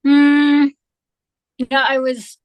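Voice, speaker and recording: A woman author talking as a guest in a casual conversation. She is slightly hoarse and chatty, rambling through her answers with lots of filler words. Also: sits high, flat delivery, slow pace, muffled recording.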